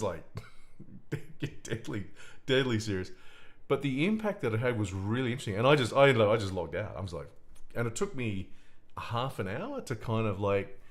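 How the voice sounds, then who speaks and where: A man with a deep, low voice telling a story in relaxed conversation. He rambles and stops to restart his sentences, speaking as a game design researcher. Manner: halting, rambling, with many restarts.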